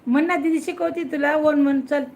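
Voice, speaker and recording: A woman's voice: high-pitched, fairly even intonation, brisk, darkish tone, slight background noise. A woman in a casual home video, coaxing and playfully scolding children as she teaches them, recorded on a phone indoors at home. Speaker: family member teaching children.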